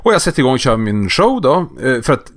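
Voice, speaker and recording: A man's voice: medium pitch, no room sound, clean studio sound. A man from northern Sweden, a magician, telling a story in casual chat and acting out the voices. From Skellefteå, northern Sweden. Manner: animated storyteller, acts out voices, laughs often.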